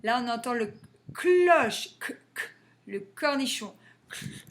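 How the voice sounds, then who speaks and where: A woman teaching a phonics lesson to young children, sounding out letters and syllables slowly and carefully. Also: fairly high pitch, fairly bright tone.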